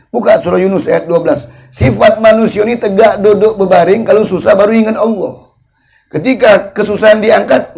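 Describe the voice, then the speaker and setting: A male preacher with a Palembang accent gives a humorous, colloquial sermon at a religious study gathering. His voice sits high and has a gravelly, creaky edge. He drags out his chanted invocations slowly between the jokes. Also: a little mellow. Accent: Palembang Malay. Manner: joking, drawn-out chanted invocations. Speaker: ustadz preacher.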